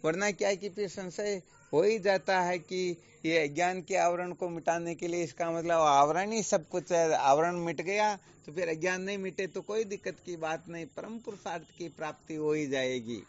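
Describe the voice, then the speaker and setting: Higher-voiced man teaching over a dull call. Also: moderate pace. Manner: patient, explanatory, asks rhetorical questions. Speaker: spiritual teacher. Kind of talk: online spiritual discourse. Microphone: video call. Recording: dull lo-fi online call audio.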